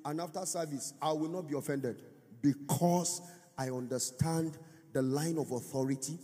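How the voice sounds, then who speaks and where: A man preaching a conference sermon, his fairly high voice lifting into sung, climbing lines as he presses each point and calls for the crowd to answer. The sound carries the long reverb of a big hall. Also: steady tone, moderate pace, mellow. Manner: preaching with sung, rising emphatic phrases and call-and-response. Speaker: pastor. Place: large church or conference hall.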